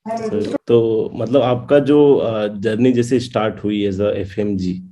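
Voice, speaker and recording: A man's voice: fairly low pitch, animated, takes it slowly, mellow. A young man in his twenties from India, hosting a casual interview in an easygoing, affirming way. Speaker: host.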